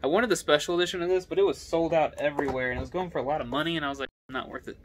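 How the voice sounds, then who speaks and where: A young man casually running through his video game collection, giving quick offhand comments on each title. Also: fairly high pitch, a little hiss or hum. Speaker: gaming YouTuber.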